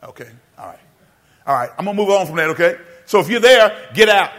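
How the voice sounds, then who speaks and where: Preaching in a church, this pastor has a high-pitched, expressive, brisk voice with a fairly bright tone. He runs a call-and-response style, firing questions at the congregation. His manner is folksy, calling his listeners "y'all" and "baby."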